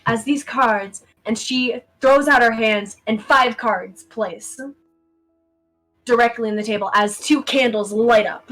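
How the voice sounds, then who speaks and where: Female game master, higher register, slow tabletop narration with informal asides, light music behind. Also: fairly bright tone, rough recording.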